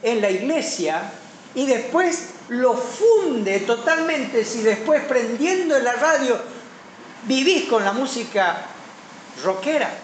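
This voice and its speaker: Emphatic Paraguayan pastor in an echoey church. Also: male voice, very high voice, a little hiss or hum. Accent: Paraguayan Spanish. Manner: emphatic preaching, voice rising and dropping sharply. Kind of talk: sermon.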